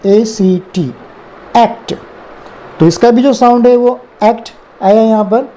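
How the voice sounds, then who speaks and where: A man's voice: high voice, warm tone. A man with an Indian accent teaching English phonics, spelling words letter by letter and repeating them. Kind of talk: slow explanatory phonics lesson.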